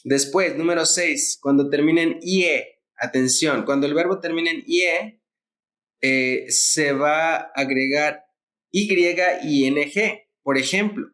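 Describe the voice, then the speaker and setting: A man's voice: on the high side, slow, fairly bright tone. A man teaching English grammar in Spanish, spelling words letter by letter and repeating the key points. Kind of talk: explaining grammar rules.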